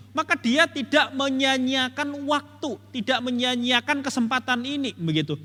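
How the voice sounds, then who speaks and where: A man teaching Bible study in a church hall speaks in an extremely high, bright, forceful voice with a long reverb tail. He addresses his listeners directly, retelling the story emphatically and repetitively, sprinkling in many "begitu ya" tags.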